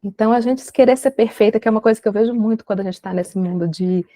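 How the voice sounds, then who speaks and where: A woman's voice: medium pitch, fast talker, mellow, no room sound. Reflective Brazilian woman, dry sound. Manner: reflective, emphatic, uses many tag questions. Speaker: guest, parenting educator. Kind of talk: conversational podcast interview.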